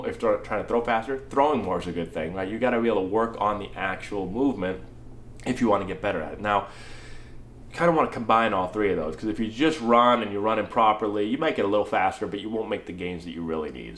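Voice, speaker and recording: A baseball coach in his thirties, stuffy from a cold, speaks with a fairly low pitch and a fairly bright tone. He casually takes viewer questions in a talking-head Q&A, adding "right?" to his points. A front camera captures his head and shoulders in a small room with a plain wall; the sound is echoey with a slight hiss or hum.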